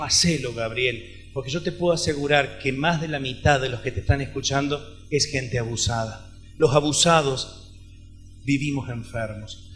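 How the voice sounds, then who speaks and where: A man preaching in Rioplatense Spanish, retelling a woman's story and her doctor's words, his voice swinging from loud stresses to hushed lines. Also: a little high. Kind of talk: sermon with retold dialogue. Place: large event hall.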